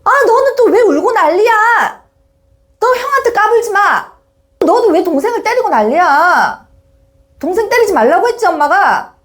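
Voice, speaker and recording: A woman voicing an exasperated mother of two boys, nagging them with sharp, rising questions. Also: high-pitched, animated, fast talker, pitched above the performer's own voice. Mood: scolding.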